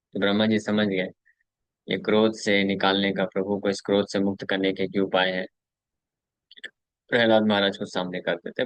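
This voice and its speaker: Low-voiced man telling scripture stories. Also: no room sound. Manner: animated storyteller who acts out quotes; chuckles between points. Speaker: devotional teacher. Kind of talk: scripture storytelling class.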